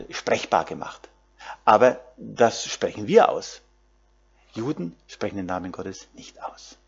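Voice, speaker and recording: A man preaching a sermon in a lively voice that rises and falls widely. He speaks straight to his listeners, full of fillers and little tag questions. The recording sounds dull and lo-fi. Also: medium pitch. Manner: talks directly to the congregation with many fillers and tag questions.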